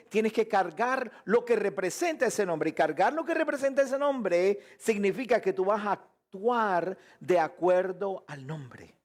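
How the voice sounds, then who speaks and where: A man teaching a live sermon, firing rhetorical questions at his listeners. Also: high-pitched. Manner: animated, asks the audience many rhetorical questions. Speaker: preacher.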